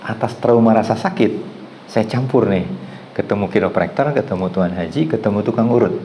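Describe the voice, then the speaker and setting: A middle-aged man with a very low, deep voice teaches a massage class in a storytelling way. He acts out the people in his anecdotes and laughs along the way, with a faint room hum behind him. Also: fairly quick, dark tone, rough recording. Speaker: massage therapy instructor.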